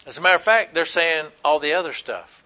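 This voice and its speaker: Man, preacher, high voice, bright tone, folksy sermon, emphatic. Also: fairly quick. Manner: folksy, emphatic preaching with rising outbursts and quiet asides.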